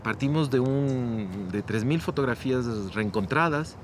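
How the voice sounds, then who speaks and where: A man's voice: mid-range voice, expressive, measured pace, noisy background. A man with an Ecuadorian Spanish accent, explaining in an academic way as a curator in a documentary interview.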